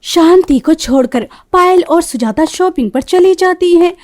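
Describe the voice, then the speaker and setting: A woman narrating a cartoon family story in a steady storytelling manner. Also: extremely high pitch, a little slow. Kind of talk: scripted narration.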